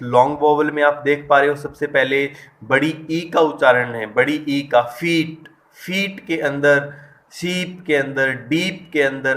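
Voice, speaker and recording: A man's voice: medium pitch, a bit bright. A man teaching English vowel sounds, explaining step by step, stressing example words and often correcting himself. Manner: explains step by step and addresses students directly; frequent hesitations and self-corrections. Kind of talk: online lesson.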